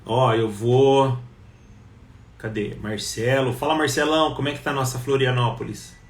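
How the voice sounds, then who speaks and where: A man's voice: medium pitch, steady tone, moderate pace. A man hosting a live online talk show, chatting casually and greeting viewers one by one by name. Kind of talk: casual live-stream chat. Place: home, Ribeirão. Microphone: wireless mic. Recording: roomy and distant with faint background noise.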